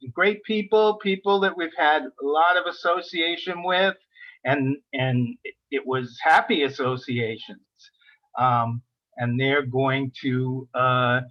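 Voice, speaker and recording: Slow, halting male reading-series host. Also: on the high side, highs cut off. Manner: halting, many ums and uhs. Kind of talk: casual introduction over a video stream.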